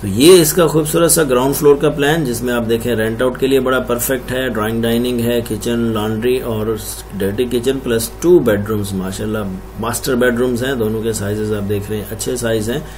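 A man's voice: mid-range voice, fairly even intonation, a little fast, hardly any pauses, darkish tone, a little hiss or hum. A man presenting and explaining house floor plans room by room, as an architect would. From Pakistan. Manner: explanatory, lists rooms one by one. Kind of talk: screen-recorded floor plan walkthrough.

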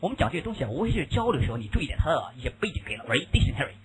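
In a classroom lecture, a man teaches English through Mandarin Chinese, sprinkling in English words and frequently quizzing the class. He has a Mandarin Chinese accent and a fairly high, sing-song voice that races along, captured in a rough recording.

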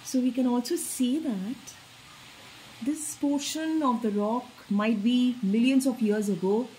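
A woman's voice: a little high, measured pace, mellow, a little hiss or hum, rough recording. A woman guiding viewers through a limestone cave, informally pointing out rock features as she films on a phone. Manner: informal explaining, pointing things out. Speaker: cave tour vlogger. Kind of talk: on-the-spot guided explanation.

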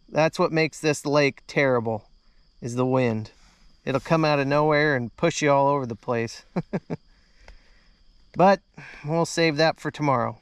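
A camping vlogger, around thirty-something, keeps things laid-back as he chats to camera inside a small tent outside. His voice sits a little high with a clean tone, and there's no room sound.

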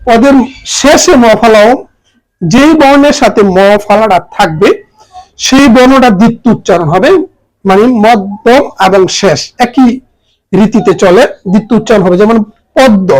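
A teacher giving a grammar lesson to students, saying each example word twice in a slow, careful way. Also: mid-range voice, poor audio.

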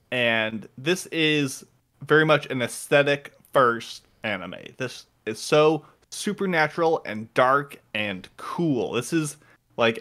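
A man's voice: mid-range voice, a bit bright. A man co-hosting a podcast, chatting casually and enthusiastically with lots of fillers. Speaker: podcast co-host. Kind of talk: casual chat, recommending an anime.

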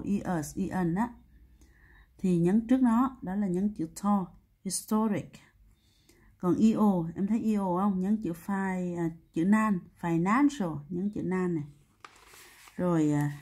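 A woman's voice: mid-range voice, warm tone, breathy edge. A woman English teacher walking students through exam answers step by step, often checking their understanding with tag questions. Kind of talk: exam answer walkthrough lesson.

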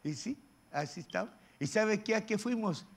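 Fervent high-voiced preacher. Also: male voice, lively intonation, moderate pace, gravelly. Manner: fervent preaching that swings from loud exhortation to soft, joking asides. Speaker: pastor. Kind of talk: sermon.

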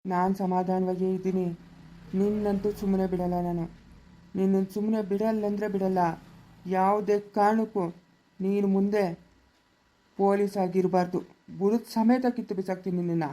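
A woman acts out a vengeful old village grandfather who growls threats in a mellow, dark voice. The delivery is slow and menacing, as in a homemade family skit. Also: medium pitch, level tone, close to an everyday voice, poor audio. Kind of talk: amateur family skit acting.

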